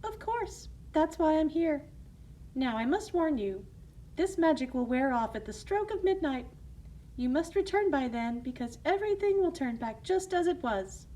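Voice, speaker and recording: Woman as high, lilting kindly fairy godmother. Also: big pitch swings, normal speed, warm tone. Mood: reassuring.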